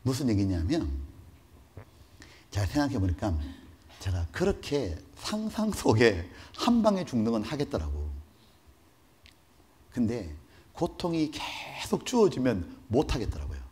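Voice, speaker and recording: A man's voice: mid-range voice, a little slow, pauses often. A male pastor delivering a sermon, telling stories animatedly and asking the congregation rhetorical questions. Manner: animated, storytelling, mock-dramatic. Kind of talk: sermon with dramatized storytelling.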